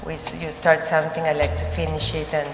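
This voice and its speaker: Middle-aged Argentine woman artist, Spanish native, low even voice, haltingly explains her work; roomy gallery sound, music behind. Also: vocal fry. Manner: halting, searching for words.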